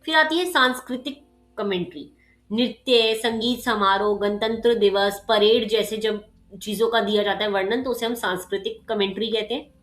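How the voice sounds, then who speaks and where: With a mid-range, slightly sharp voice and fairly even intonation, a woman tutor talks at a moderate pace through a casual exam-prep lesson in a roomy-sounding space. Everyday examples carry her explanations, punctuated by frequent "ठीक है" and "okay" check-ins.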